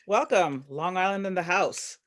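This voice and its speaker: A woman's voice: lowish voice, normal speed. A woman hosting a workshop on a video call, upbeat, welcoming and chatty. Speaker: workshop host.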